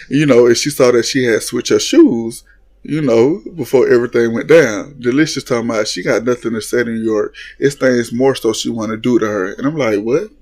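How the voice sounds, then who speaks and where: A man casually recapping a reality show reunion, laughing often, swearing freely and acting out what the cast members said. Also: medium pitch. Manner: animated, laughing, profane, mimics cast members.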